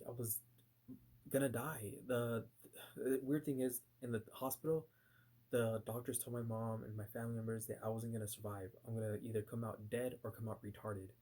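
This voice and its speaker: A man recounts a personal experience in loose, casual talk, heavy with fillers and restarts. His voice sits at an ordinary middle pitch, and he slips into short acted-out lines of what he said back then. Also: dark tone. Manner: voices his own past reactions in bursts. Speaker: vlogger recounting a nightmare.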